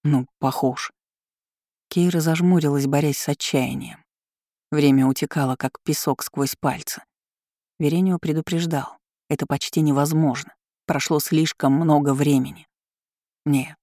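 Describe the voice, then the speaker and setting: An audiobook narrator giving a scripted, even, measured reading of a fantasy story. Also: medium pitch, no echo, studio quality.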